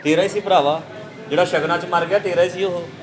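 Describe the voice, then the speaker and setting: A man's voice: high voice, fairly even intonation, quick pace, music in the background, low-quality recording. A man playing a caterer in a comic sketch, brash and teasing as he takes an order.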